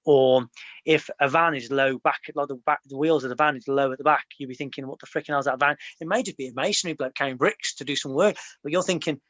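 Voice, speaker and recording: Casting: young English ex-soldier man, rapid rambling storyteller, fairly high voice, very dry sound. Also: fairly bright tone, dry recording, dull audio. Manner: rambling, many fillers and restarts. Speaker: podcast host, ex-soldier. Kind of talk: casual storytelling chat.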